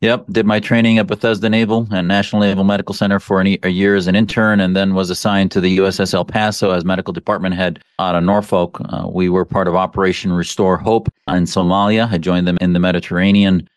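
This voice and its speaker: Very deep, flat-voiced male physician guest. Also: smooth, no room sound. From American Midwest. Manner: measured, many uh fillers. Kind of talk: radio interview.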